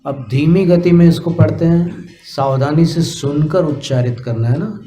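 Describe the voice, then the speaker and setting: A man, a monk, teaching how to recite a Sanskrit hymn, chanting lines slowly and correcting pronunciation. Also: a little high, dark tone, echoey room. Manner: slow melodic chanting, then quick corrections. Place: temple hall.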